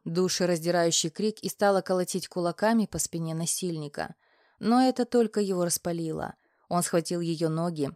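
A woman reading a story aloud as an audiobook narrator, in an even, unhurried storytelling manner. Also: lowish voice, no room sound, studio quality. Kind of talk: scripted narration.

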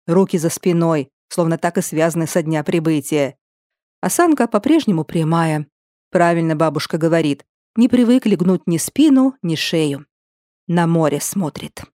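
A woman reading a story aloud with a lively, expressive delivery and a wry tone. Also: low-pitched, moderate pace, no room sound, studio quality. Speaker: narrator. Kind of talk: audiobook story narration.

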